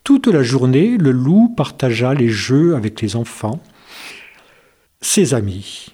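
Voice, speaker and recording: A man narrating a children's tale in a gentle, measured reading. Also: medium pitch, big pitch swings, husky. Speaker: storyteller. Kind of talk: storybook narration.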